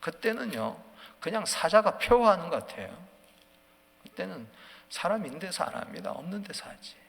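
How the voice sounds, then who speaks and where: A man preaching at a dawn prayer service, swinging from quiet musing to loud, fervent calls. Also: high voice, sing-song, moderate pace, gravelly, husky. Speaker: pastor. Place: church sanctuary. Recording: long church hall reverb.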